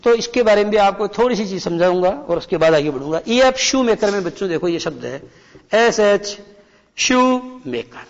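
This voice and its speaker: A man's voice: high-pitched, animated, in a large hall, highs cut off. A male teacher with a Rajasthani Hindi accent gives a classroom lecture, asking his pupils questions and answering them himself. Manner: reads English lines very slowly.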